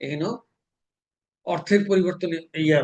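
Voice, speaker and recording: A man from Bangladesh teaching Quran recitation, explaining pronunciation rules and slowly chanting example verses. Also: high voice, darkish tone, rough recording. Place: mosque.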